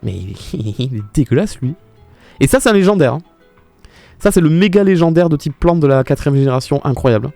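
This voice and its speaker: A young male streamer with a mellow, dark-toned voice, chatting casually and exclaiming as he answers his viewers. Faint music plays behind him. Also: a little high, expressive, fairly quick, creaky, dry recording. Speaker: live streamer. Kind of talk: casual live-stream commentary.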